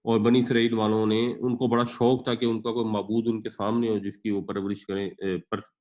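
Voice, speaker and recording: A man's voice: on the low side, flat delivery, darkish tone, dull audio. A man teaching a Quran class, patiently explaining grammar and pronunciation with everyday examples. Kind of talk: explanatory lecture.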